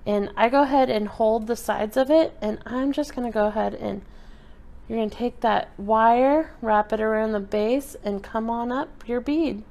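A woman giving a relaxed, chatty step-by-step craft tutorial while she works with her hands at a table indoors. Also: a little high, moderate pace, vocal fry. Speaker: craft instructor.

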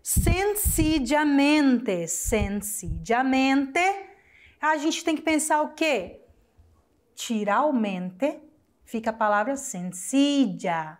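A young adult woman with a Brazilian Portuguese accent, a teacher explaining a recorded lesson in a chatty, affectionate way, asking questions and answering them herself. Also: a little high. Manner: spells out words slowly syllable by syllable. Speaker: Spanish teacher. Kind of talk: recorded online class explanation.

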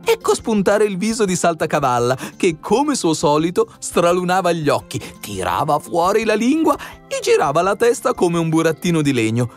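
A man reads a fairy tale aloud in an expressive, animated way, his voice on the higher side and swinging widely in pitch. Soft music plays faintly underneath. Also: normal speed, hardly any pauses. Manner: expressive storytelling. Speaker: audiobook narrator. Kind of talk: scripted fairy-tale narration.

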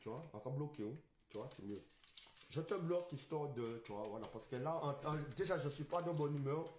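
A man's voice: a little high, expressive, brisk, a little mellow, reverberant, a little hiss or hum. A man streaming live, ranting in a rambling, insulting way with garbled phrasing. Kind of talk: street livestream rant.

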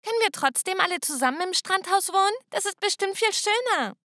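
A woman's voice: extremely high pitch, lively intonation, a little fast, sharp tone, no room sound, studio quality, pitched above the performer's own voice, exaggerated voice. Woman playing a smug, scheming teen sister. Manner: smug, sly. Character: scheming, smug teenage girl, mean sister.

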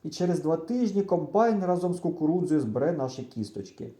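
A man's voice: fairly high pitch, big pitch swings, fairly quick, warm tone, reverberant, voice pushed up. A man voicing a frightened young village boy who pleads and frets in a tearful way. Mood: pleading.

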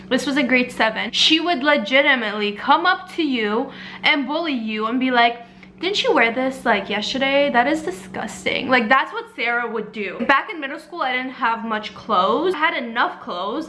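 A woman's voice: on the high side, sharp tone, slight background noise, low-quality recording. A young woman vlogging casually to camera, chatty and storytelling, full of "like". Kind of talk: casual vlog chat. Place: home and out and about.

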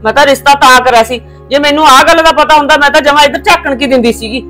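An actress playing an older mother who scolds her daughter's in-laws in a village family drama, sharp and indignant. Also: sits high, racing, soft background music.

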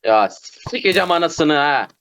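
A man playing an online game with a teammate, swearing constantly and shouting in frustration. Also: on the high side, animated, normal speed. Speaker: gamer streamer. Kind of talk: casual gameplay chat with teammate.

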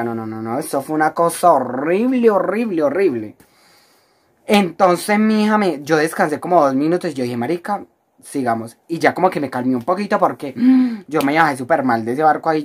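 A woman with a Colombian accent telling a storytime vlog in a dramatic, exaggerated, slangy way, talking to the viewer like a close friend. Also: low voice. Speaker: vlogger.

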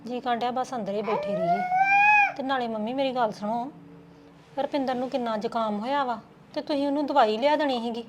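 A woman's voice: on the high side, very animated, a little fast, noisy background. A woman playing a fussing, caring young sister-in-law in a Punjabi village web drama, homely and conversational, with a Punjabi accent. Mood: fretting.

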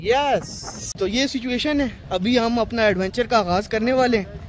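A man's voice: very high-pitched, measured pace. A man with a Pakistani Urdu accent chatting casually to camera outdoors by a lake, teasing a friend. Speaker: vlogger on camera. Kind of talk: casual travel vlog.

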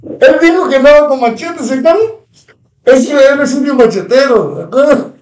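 Mexican guy on a live stream, high voice, rambly and repeating himself, tossing insults, far from the mic. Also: normal speed, darkish tone. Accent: Mexican Spanish. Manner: rambling, repetitive, heated insults. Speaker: livestream host. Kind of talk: live stream, reading viewer comments. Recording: roomy echo, distant from mic.

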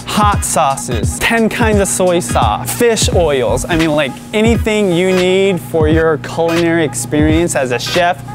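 A man in his thirties hosting an enthusiastic grocery store tour vlog, talking straight to camera on a lapel mic. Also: high voice. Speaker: vlog host. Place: indoor supermarket aisles, some shots outside.

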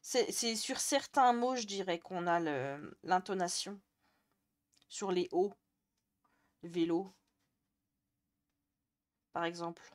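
A young woman from the Jura in France speaks unhurriedly in a fairly low voice. As a Twitch streamer, she chats casually, responds to viewers' messages and laughs a lot.

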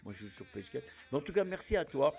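A man's voice: fairly high pitch, sing-song, quick pace, gravelly. Rambling chatty YouTuber man. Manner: rambling, chatty, fillers and "voilà". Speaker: YouTuber giving subscriber shout-outs. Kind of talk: casual chat.

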